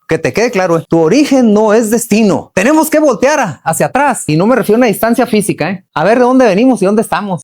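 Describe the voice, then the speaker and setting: A man's voice: high voice, a little mellow. A middle-aged man from Chihuahua gives a motivational talk to workers in a folksy, earthy way, full of slang and questions to the audience. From Chihuahua, Mexico. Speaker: motivational speaker.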